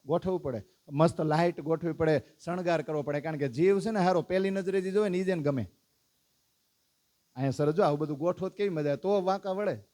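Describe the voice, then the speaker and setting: A man's voice: on the high side, fast. A man leading a devotional lesson, calling out lists and prompting the congregation to recite along. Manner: lively, calls out lists and prompts the audience to recite. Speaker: religious teacher.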